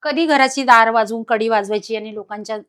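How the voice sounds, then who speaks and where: Woman, podcast guest, personal haunting story, dramatic storytelling, fairly high pitch. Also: a little fast, fairly bright tone.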